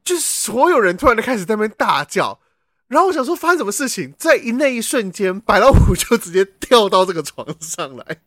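A quick, high-voiced man tells a story on a casual podcast. His pitch leaps around as he acts out the sounds in the story. The close mic sounds dry and intimate. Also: a bit bright, no echo. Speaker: podcast host. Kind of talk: casual podcast chat, telling a dream.

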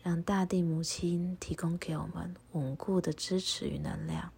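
A woman guiding a meditation in a low, soft voice that slips into a breathy half-whisper. Her tone is unusually smooth and rounded. She speaks slowly and calmly, giving instructions step by step. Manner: slow, calm, instructive. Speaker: meditation guide. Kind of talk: guided meditation and prayer.

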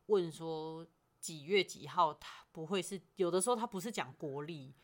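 A Taiwanese woman guests on a podcast with a fairly low, bright voice. She chats casually and often chimes in with quick agreement. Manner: chatty, frequently chiming in with agreement.

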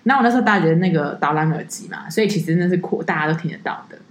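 A woman's voice: on the low side, rapid-fire, roomy sound. A woman, chatting as a podcast co-host about her tour-leading work and acting out the people she quotes. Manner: animated storyteller, acts out quoted people. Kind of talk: casual podcast chat, storytelling.

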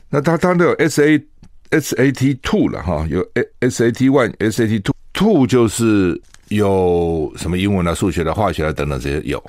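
Low, lively-pitched man from Taiwan, radio host, chatty solo commentary with rhetorical asides, dry studio sound. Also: no echo. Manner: chatty, asks rhetorical questions, laughs at own stories. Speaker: radio talk show host.

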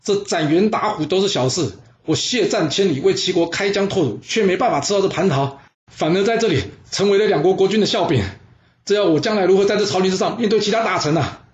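Fuming ancient general, boastful and wounded in pride, pitched high and raised, as a male storyteller puts him on; lo-fi sound. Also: animated, normal speed. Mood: indignant. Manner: indignant, boastful. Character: angry proud male general, warrior. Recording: dull lo-fi sound.

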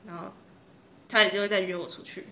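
A woman co-hosting a casual chat podcast, telling stories in a lively, animated way. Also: mid-range voice, fast. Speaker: podcast co-host. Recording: echoey room.

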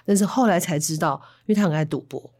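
A woman from Taiwan, hosting a storytelling podcast in a chatty, animated way with Hokkien asides. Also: fairly low pitch, fast. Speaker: podcast host.

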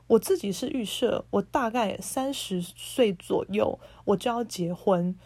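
A man's voice: high-pitched, unhurried, darkish tone, slightly rough, no room sound, pitched below the performer's own voice, heavily acted. A woman voicing her condescending young boyfriend, who lectures in a preachy, self-assured way.

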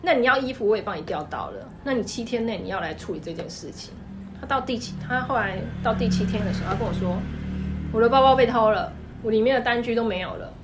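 Fast-talking Taiwanese-accented woman storyteller. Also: on the high side, heavy background noise. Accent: Taiwanese Mandarin. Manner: animated, fast-talking, emphatic. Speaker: guest, clothing shop owner. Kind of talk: casual storytelling chat.

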